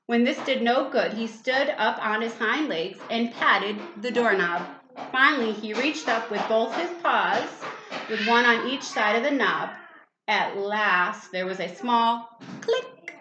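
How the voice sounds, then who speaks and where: Reading a children's picture book aloud, a teacher uses a fairly high, animated voice at a slightly slow pace, tossing in asides and questions for the young audience. Background noise is present, and the echoey recording sounds a little dull.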